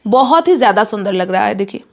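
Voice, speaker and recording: A woman hosting a live saree sale, urging viewers to book fast in quick, pushy patter mixed with English. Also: medium pitch, animated. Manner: rapid, pushy sales patter, mixing English in. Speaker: online saree seller. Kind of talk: live sales stream.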